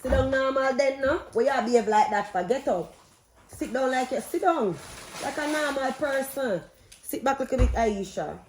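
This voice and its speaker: Her voice sits high and moves at a moderate pace, with a little background noise. In a casual vlog, the Jamaican-accented woman reads aloud to children in a blunt, parental way, stopping to give instructions and ask questions.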